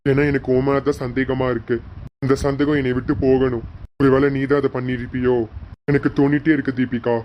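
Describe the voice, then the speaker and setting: A man's voice: mid-range voice, level tone, brisk, highs cut off, slight background noise, close to an everyday voice. A man playing an injured young husband in a homemade serial, speaking emotionally and repeating names. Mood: suspicious. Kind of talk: hobby serial acting.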